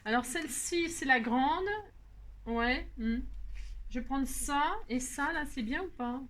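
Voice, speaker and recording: A woman's voice: sits high, slow pace, fairly bright tone, a little hiss or hum. A woman hosting a card-making tutorial, talking casually and playfully to her viewers, narrating each step with little teasing asides. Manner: narrates her hands, frequent "hop" and filler words. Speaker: craft tutorial host.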